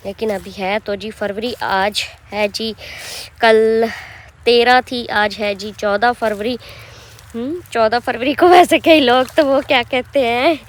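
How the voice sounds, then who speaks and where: A young woman, slightly hoarse, chatting casually to viewers as she vlogs while walking through farm fields. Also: a little high, steady tone, slow pace. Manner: chatty, rambling, addresses viewers directly. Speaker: village vlogger and mother. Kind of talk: casual walk-and-talk vlog.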